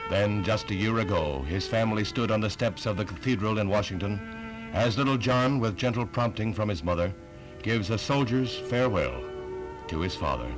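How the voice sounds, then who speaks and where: A man's voice: lowish voice, expressive, normal speed, music in the background, poor audio. A man narrating a 1960s newsreel with a solemn, stately delivery.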